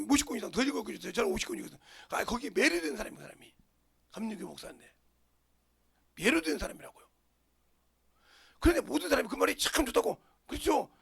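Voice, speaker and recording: A male pastor from the region, preaching a sermon in an animated way and dropping into whispers for emphasis. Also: very high-pitched, creaky. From Jeolla, Korea.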